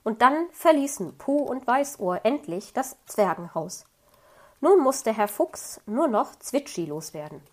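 A woman narrating a children's storybook in a gentle, storytelling way. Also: a little high.

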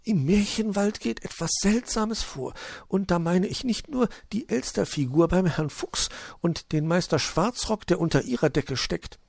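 A man's voice: high-pitched, measured pace, vocal fry, a little mellow, dry recording, voice pushed up, full character voice. A man voicing a nosy, easily offended female magpie in a children's storybook, chattering on. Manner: chattering, indignant.

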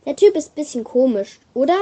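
A woman's voice: high voice, expressive, a little fast, dark tone. A woman voicing a witty teenage schoolgirl with dry, wisecracking humor in a storybook reading.

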